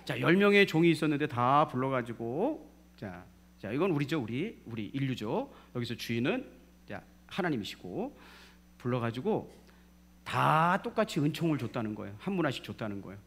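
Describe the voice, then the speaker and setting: Emphatic Jeolla-accented pastor preaching. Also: male voice, medium pitch, sing-song, normal speed. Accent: Jeolla Korean. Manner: emphatic, calls out for amens, swings from loud to hushed. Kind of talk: sermon.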